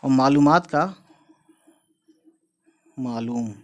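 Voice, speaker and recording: Through dull audio, a man with a medium-pitched voice and drawn-out words teaches a casual class lesson. He works through words one at a time, often checking in with "theek hai" as he explains.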